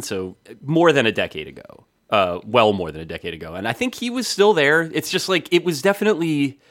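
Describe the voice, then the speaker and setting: A man's voice: mid-range voice, a bit bright. A man from New Jersey co-hosting a podcast, talking in a dry, understated, wry way. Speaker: podcast co-host. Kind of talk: casual chat.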